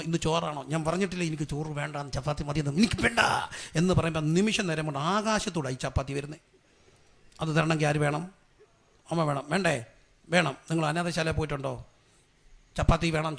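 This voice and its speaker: A middle-aged man preaching with a raised pitch and a gravelly edge. His words come quickly and tumble over each other. He keeps asking the congregation questions and waits for their replies, then pushes into loud, fervent prayer. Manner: fires rhetorical questions at the congregation and has them answer. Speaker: pastor. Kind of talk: sermon.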